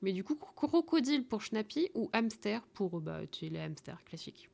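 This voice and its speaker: A woman's voice: mid-range voice, very animated, moderate pace, gravelly, darkish tone. A woman streamer chatting playfully and teasing while she plays, sounding tired. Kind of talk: casual live-stream game chat.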